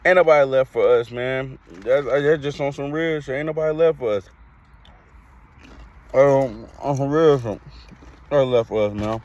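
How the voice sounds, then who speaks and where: A man's voice: medium pitch, normal speed, long pauses, a little mellow. A man from North Carolina, hosting a podcast and giving blunt, slangy basketball takes, often repeating himself for emphasis. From Greensboro, North Carolina. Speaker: podcast host. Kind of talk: casual sports talk.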